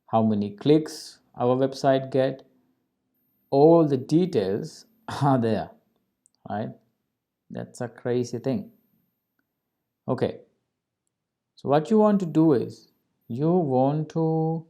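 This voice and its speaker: An SEO tutorial host with a Sri Lankan accent guides listeners step by step in an informal style. His voice is mid-range with a dark tone, and he frequently asks "right?" or "okay?" to check in.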